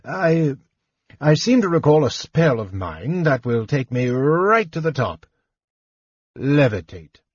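A man's voice: mid-range voice, sing-song, takes it slowly, slightly rough, dry recording, highs cut off, full character voice. A man voicing a cranky, befuddled old male wizard who sounds flustered and irritable.

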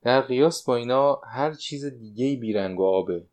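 A man's voice: medium pitch, a little mellow, natural voice. A man reading the part of a fretful, nostalgic woman of sixty-nine, a former stage dancer, in an audiobook. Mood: confiding.

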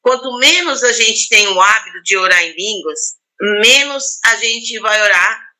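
A middle-aged woman pastor, speaking, talks about prayer in a reflective, personal way, often pausing with "né" and restarting her sentences. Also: mid-range voice, pushed and bright, rough recording. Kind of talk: casual teaching talk on prayer.

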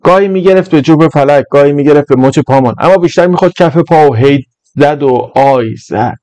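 A man narrating a short story in an even, measured reading voice. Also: on the high side, no echo. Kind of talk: scripted narration.

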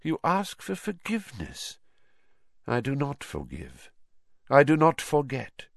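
A menacing storybook dark wizard lord, put on by a male reader. He speaks very slowly and theatrically, with big swoops in pitch and cold, deliberate disdain. The sound is close and dry. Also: wildly swooping pitch, creaky, dry recording, exaggerated voice. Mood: stern, unforgiving.

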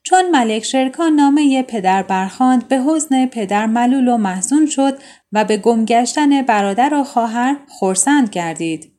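A woman storyteller reading an old classical tale aloud in a measured, formal way. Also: a little high, expressive, dark tone.

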